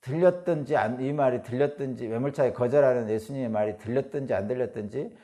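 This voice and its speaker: A man's voice: mid-range voice, fast, warm tone. A man preaching a dawn service sermon as pastor, conversational and hesitant, acting out the quoted lines. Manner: many hesitant fillers and restarts.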